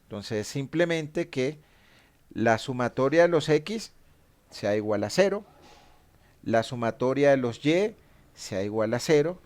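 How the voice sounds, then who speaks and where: A man's voice: medium pitch, expressive, a little slow, long pauses, a little mellow. A man teaching a statics class, explaining equations patiently and stopping to correct his own mistakes.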